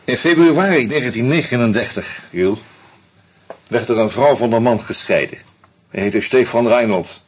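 A husky, natural, mid-range voice at a moderate pace carries the role of Hans, a bitter, drunk man. In this first-person radio drama narration, he sardonically confronts a murderer.

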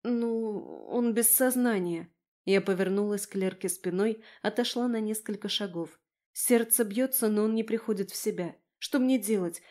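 A woman's voice: medium pitch, normal speed, warm tone. Woman narrating an audiobook.

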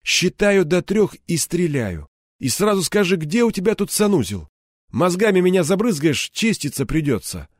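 A man's voice: a little high, lively intonation, moderate pace, a little mellow, no room sound, clean studio sound, voice pushed up, close to an everyday voice. A man voicing a cold, menacing ex-cop enforcer, Kirpich. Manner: cold, threatening, mocking. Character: menacing male ex-cop turned criminal enforcer.

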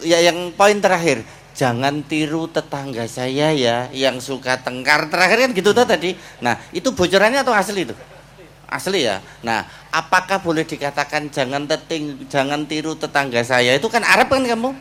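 A man's voice: fairly high pitch, sing-song, normal speed, sharp tone, a little hiss or hum. A man hosting, asking questions with a teasing, joking manner. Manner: teasing, mixing in regional slang. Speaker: host. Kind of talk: joking banter.

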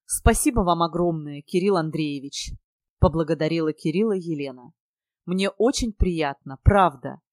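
A woman's voice: deep voice, normal speed, a little mellow, dry recording, clean studio sound, lightly acted. A woman voicing an earnest, emotional young female student speaking from the heart. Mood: heartfelt.

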